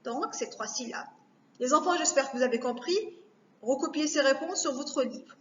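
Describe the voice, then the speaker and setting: A woman teacher giving a recorded lesson to young children, speaking slowly and carefully, repeating each word to break it down. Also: high-pitched, fairly bright tone, slight background noise. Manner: slow, careful, repeats words to spell them out. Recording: echoey room, dull lo-fi sound.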